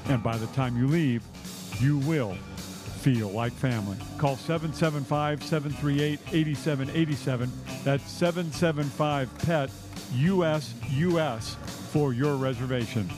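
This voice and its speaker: A man reading a scripted radio commercial as an announcer. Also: on the high side.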